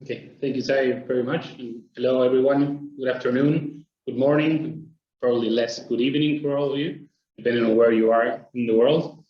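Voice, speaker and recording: A man from Argentina, presenting a webinar in a steady, explanatory way. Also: medium pitch, moderate pace, echoey room, muffled recording. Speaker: traffic planner presenting.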